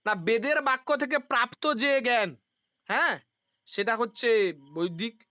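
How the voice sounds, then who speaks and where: A woman's voice: on the high side, unhurried, bright, forceful tone, dry recording, clean studio sound. A woman teaching a philosophy exam-prep class. She poses questions, answers them herself, and uses everyday examples.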